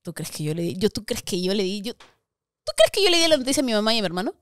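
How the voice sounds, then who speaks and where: A woman's voice: mid-range voice, quick pace, dry recording. A young adult woman with a Peruvian Spanish accent, a podcast guest who tells stories in casual chat, laughing often and acting out what people said. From Peru. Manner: animated, laughs often, acts out quoted voices.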